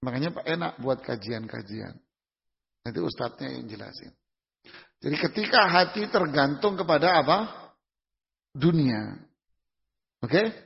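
A man's voice: mid-range voice, animated, a little slow, creaky, pauses often. A man giving a conversational religious lecture as a preacher, putting questions to the audience and answering them himself with everyday examples. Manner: uses everyday examples in casual speech. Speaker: Islamic preacher. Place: lecture hall. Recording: dull lo-fi recording in a reverberant hall.

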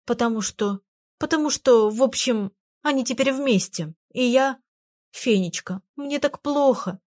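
A woman's voice: mid-range voice, lively intonation, normal speed, darkish tone, lightly acted. A woman reading the lines of an upset teenage girl who mutters and holds back tears. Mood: tearful. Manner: muttering, tearful.

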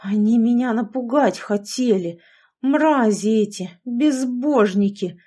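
A woman's voice: on the high side, lively intonation, a little slow, mellow. A woman voicing a grim, bitter old village man who grumbles and bursts out angrily.

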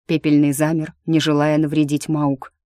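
A woman's voice: low-pitched, moderate pace, no room sound, clean studio sound. Wry woman narrating a fantasy audiobook. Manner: lively, wry first-person storytelling.

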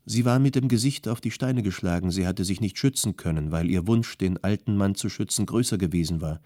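A man narrating an audiobook in a calm, measured storytelling manner. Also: on the low side, no room sound, clean studio sound. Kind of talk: scripted narration.

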